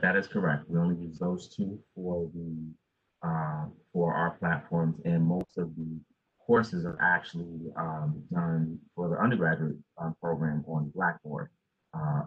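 A dean in his forties answers student questions at a virtual town hall from his home office, giving advice with many fillers and restarts. His voice is deep and slightly rough, coming through earbuds on a dull, muffled video call.

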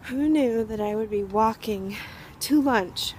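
A woman's voice: on the high side, takes it slowly, slight background noise. A young woman chatting casually to a phone at arm's length in her living room, talking about her evening. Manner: chatty, relaxed, speaks softly to camera. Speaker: family vlogger. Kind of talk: casual home vlog. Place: living room at home, indoors.

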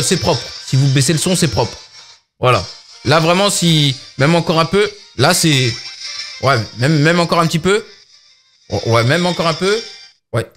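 A chatty man reviewing a phone he is unboxing, his voice sitting a little high for a man. He talks in a loose, filler-heavy way. Faint music plays behind him. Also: fairly bright tone. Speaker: tech reviewer.

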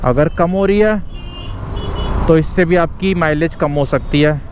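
A chatty young man gives motovlog commentary while riding a scooter outdoors, his voice sitting a little high. He is recorded on a helmet mic. Faint traffic and wind noise run underneath. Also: a little slow. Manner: chatty, explaining tips to viewers. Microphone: helmet mic recording from a ride.

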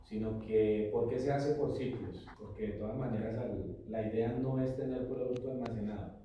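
A man's voice: mid-range voice, fairly even intonation, moderate pace, warm tone, distant mic, muffled recording, slight background noise. Middle-aged businessman in an echoey room. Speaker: coffee company owner. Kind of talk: interview answers. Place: large office meeting room. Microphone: far camera.

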